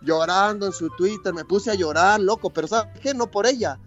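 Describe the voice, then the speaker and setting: A rambling, slangy sports reporter who keeps joking about being broke, as played by a man. He has a Veracruz Mexican accent and a high-pitched voice, with faint music playing behind him. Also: brisk, muffled recording, lightly acted.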